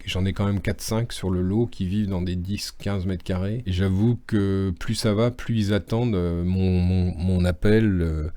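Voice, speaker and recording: A French stage actor in his fifties chatting in an interview, unhurried and hesitant, with many fillers. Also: low-pitched, steady tone, mellow, dry recording. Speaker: stage actor and voice-over artist. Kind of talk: casual interview chat.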